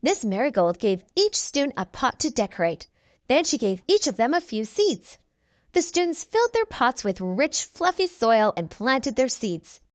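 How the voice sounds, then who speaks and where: In a sing-song voice that sits a little high, a woman tells a story aloud from a children's book for young listeners. She moves at a moderate pace, is expressive and carefully enunciated, and the recording has no echo.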